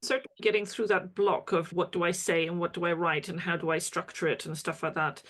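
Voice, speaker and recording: A woman's voice: fairly low pitch, flat delivery, brisk, fairly bright tone. A woman practitioner being interviewed, reflecting candidly and retelling her own experiences. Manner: reflective, candid, tells stories with quoted asides. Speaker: kinesiology practitioner, guest. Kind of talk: conversational interview.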